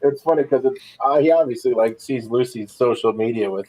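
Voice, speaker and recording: A man's voice: mid-range voice, brisk, warm tone, breathy edge, low-quality recording. A man co-hosting a sports podcast in a casual, enthusiastic, encouraging way. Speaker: podcast co-host.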